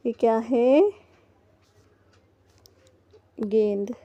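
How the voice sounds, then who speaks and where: A woman's voice: fairly high pitch, extremely slow. A woman teaching a first-grade textbook lesson to young children, patiently sounding out words letter by letter. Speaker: primary school teacher. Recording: dull lo-fi recording.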